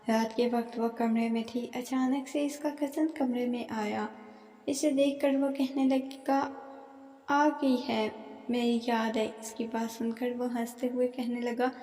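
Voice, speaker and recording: A woman narrating a dramatic story in a steady, even reading voice. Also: fairly high pitch. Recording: echoey room with long reverb.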